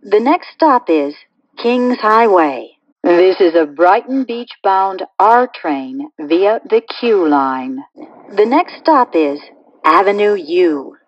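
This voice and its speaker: Female announcer, spliced recorded phrases, slow and measured, dull distant sound. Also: animated, no echo. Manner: slow, measured, stop names in a different pitch. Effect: spliced-together prerecorded words. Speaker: train announcer. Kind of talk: automated train announcement.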